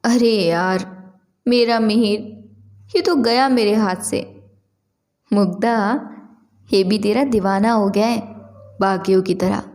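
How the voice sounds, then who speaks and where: A woman's voice: a little high, measured pace, gravelly, pauses often, warm tone. Woman doing a dramatic, teasing young girlfriend. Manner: playful, melodramatic.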